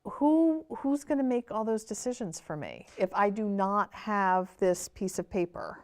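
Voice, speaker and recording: A woman's voice: mid-range voice, a little slow, a little mellow. A woman hosting an interview, asking questions through hypothetical personal scenarios. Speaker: interview host. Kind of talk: conversational interview.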